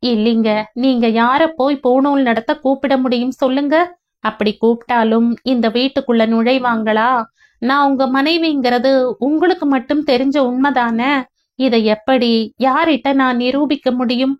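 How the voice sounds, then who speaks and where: A woman's voice: high voice, fairly even intonation, moderate pace, dull audio, close to an everyday voice. Woman voicing a timid, tearful young wife. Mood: pleading. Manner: pleading, questioning.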